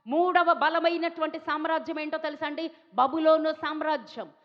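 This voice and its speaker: A woman's voice: sits high, steady tone, moderate pace. A woman from India preaching a sermon, talking emphatically and repeating questions to her listeners. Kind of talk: Telugu sermon. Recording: dull sound in a reverberant hall.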